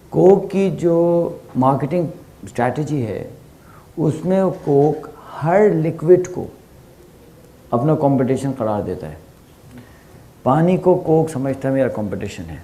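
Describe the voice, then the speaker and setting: A middle-aged male teacher giving a conversational lecture, telling lively stories and asking his listeners questions, with English phrases mixed in. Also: medium pitch. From Pakistan. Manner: animated storytelling with rhetorical questions and English phrases.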